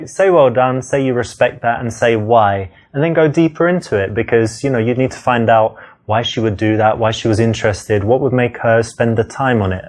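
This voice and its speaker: A man from England with a London accent, a dating coach chatting breezily and then explaining his approach, with plenty of "you know" fillers. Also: mid-range voice. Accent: London English. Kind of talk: demonstration chat with coaching asides to camera.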